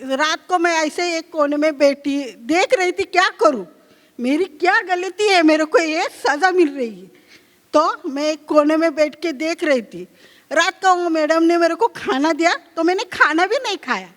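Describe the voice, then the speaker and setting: A woman telling her own life story at a gathering, in a halting, repetitive way, often asking herself what she should do. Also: extremely high pitch, lively intonation. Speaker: conclave speaker sharing a personal story. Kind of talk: first-person testimony. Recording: long hall reverb.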